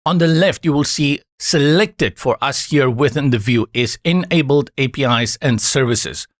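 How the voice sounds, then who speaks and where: This man, a native Afrikaans speaker, presents a software tutorial, screen-recording each step of a setup and explaining every click. He speaks at an ordinary mid pitch, calmly and instructively, adding reassuring asides. The audio is close-miked and dry, free of echo or room sound.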